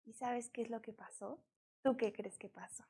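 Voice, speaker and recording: A woman's voice: a little high, normal speed, husky. A woman with a Mexican accent teaching a children's devotional, retelling a Bible story and asking the listener questions. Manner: animated, asks the listener questions.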